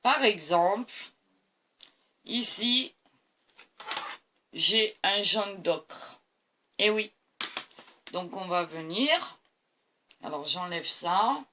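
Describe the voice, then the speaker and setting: A woman's voice: mid-range voice, expressive, drawn-out words, pauses often, sharp tone, slight background noise. A tired woman hosting a painting tutorial, talking to camera as she mixes colors and keeps praising them. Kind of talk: art demonstration talk to camera.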